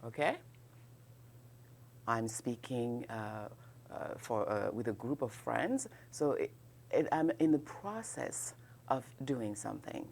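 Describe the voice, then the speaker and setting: Slow, gravelly-voiced woman teaching French. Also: a bass voice, expressive, a little mellow, a little hiss or hum. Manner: slow, patient, checks in with "n'est-ce pas" and "ok". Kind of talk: grammar lesson at a board, mixing French and English.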